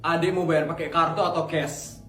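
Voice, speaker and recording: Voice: medium pitch, level tone, normal speed, pitched below the performer's own voice, natural voice. A performer voicing a courteous but insistent restaurant waiter in a comedy skit. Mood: firm. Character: polite restaurant waiter, firm. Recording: roomy sound with background music.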